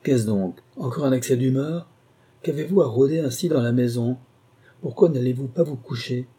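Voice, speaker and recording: A man's voice: mid-range voice, normal speed, mellow, breathy edge, pitched above the performer's own voice, lightly acted. A man reading a story, voicing a stern, hostile old husband who mocks his wife. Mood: irritated. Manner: mocking, growling.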